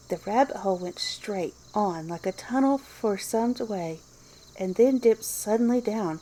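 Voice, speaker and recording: A woman's voice: medium pitch, dark tone, a little hiss or hum, rough recording. A woman reading a storybook aloud in a whispered ASMR style, as a narrator. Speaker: storybook reader.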